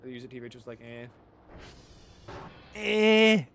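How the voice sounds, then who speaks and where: A man with a cold chatting casually while streaming a game, rambling and swearing, swinging from mumbled asides to loud jokey bits. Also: mid-range voice, very animated, slow pace, gravelly, heavy background noise. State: has a cold. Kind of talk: casual gaming stream chat.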